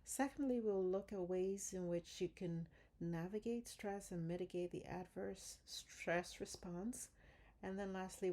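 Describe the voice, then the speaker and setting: Middle-aged woman from ghana giving a scripted webinar, low mellow voice, measured and deliberate. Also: vocal fry. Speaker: dentist and coach presenting a webinar.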